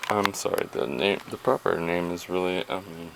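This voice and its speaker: A man's voice: deep voice, fairly even intonation, normal speed, gravelly, background noise. A man vlogging alone to his camera, rambling and swearing freely while trailing off mid-thought. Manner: rambling, profane, self-deprecating, trailing off.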